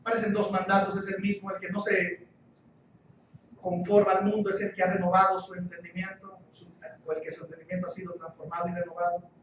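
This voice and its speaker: A man with a high voice preaches a sermon, pressing his points and repeating key phrases. He sounds far from the microphone, with heavy echo in a church hall and a dull, muffled tone. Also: little pitch movement, a little fast, slight background noise. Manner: emphatic, repeats key phrases, rhetorical questions. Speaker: guest pastor. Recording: echoey church hall, distant dull mic.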